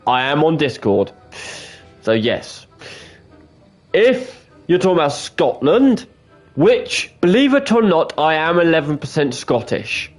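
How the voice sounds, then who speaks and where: A man's voice: fairly high pitch, very animated, a little slow, faint music behind. A young man hosting a casual gaming video, lecturing in an emphatic, repetitive way. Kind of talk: casual let's-play commentary.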